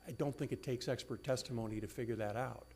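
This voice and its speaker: A man's voice: medium pitch, fast, a little mellow, slightly rough. A man speaking as an attorney in appellate oral argument, insistent and argumentative yet deferential. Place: courtroom.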